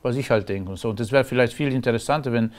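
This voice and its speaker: A man's voice: mid-range voice, very fast. A middle-aged man from Romania with a Romanian accent, a guest in a casual interview, talking in long emphatic runs and laughing between remarks.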